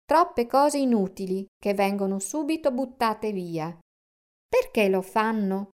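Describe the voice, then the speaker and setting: A woman voicing a gentle, caring young female fox who speaks softly. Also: mid-range voice, expressive, takes it slowly. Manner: gentle, soft-spoken.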